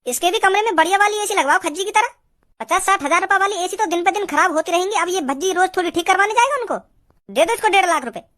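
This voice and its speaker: A woman's voice: very high-pitched, lively intonation, fast talker, fairly bright tone. A woman doing a bossy nagging cartoon mom. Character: scolding cartoon mother siding with her son. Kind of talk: cartoon voice acting.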